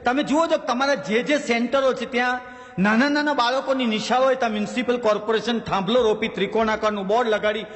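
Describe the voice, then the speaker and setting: A man's voice: very high voice, fast talker, fairly bright tone, big-room sound. A man doing a stand-up comedy monologue with a Gujarati accent, telling anecdotes and slipping into character voices for the punchlines.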